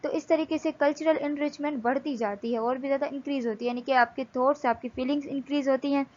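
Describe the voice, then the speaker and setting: A woman's voice: sits high, fairly even intonation, a little mellow, highs cut off, a little hiss or hum. Woman lecturing in Hindi and English. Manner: mixes Hindi with English, reads English text slowly and explains in Hindi. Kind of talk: lecture explaining slides.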